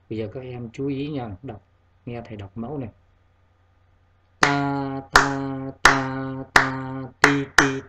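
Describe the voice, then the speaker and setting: A man's voice: mid-range voice, very noisy. A man teaching a primary school music lesson, giving patient step-by-step instructions to children. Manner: slow, patient instructions, sings note names over instrument.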